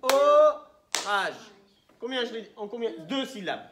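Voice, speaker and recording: A man's voice: sits high, animated, moderate pace, a bit bright, slight background noise. A man teaching young children in a classroom, patiently sounding out words syllable by syllable. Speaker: primary school teacher. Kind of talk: classroom phonics lesson. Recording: echoey room.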